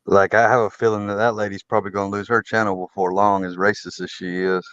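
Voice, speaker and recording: A man's voice: on the low side, flat delivery, fast, fairly bright tone, clear, resonant tone, no room sound, muffled recording. A man co-hosting a casual livestream, blunt and often chuckling. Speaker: livestream co-host. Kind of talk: casual chat.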